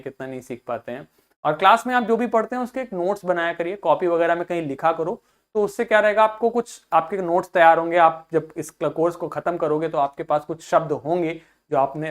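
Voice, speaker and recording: A woman teaches English, reading a text slowly word by word, translating each line into Hindi and asking her students how words are read. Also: lowish voice. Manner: reads slowly word by word, then translates and asks questions.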